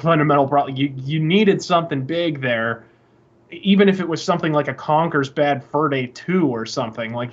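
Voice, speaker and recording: A man's voice: a little high, muffled recording. A man co-hosting a casual podcast, rambling and profane, often restarting his sentences while he searches for words. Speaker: podcast co-host. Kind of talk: casual game-industry chat.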